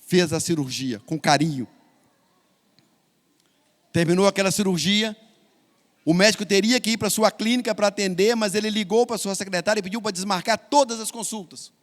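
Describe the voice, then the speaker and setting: A man's voice: high voice, moderate pace, pauses often. A man with a Brazilian accent preaching a sermon, telling a story dramatically and emphatically in a church. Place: church sanctuary. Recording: long church hall reverb.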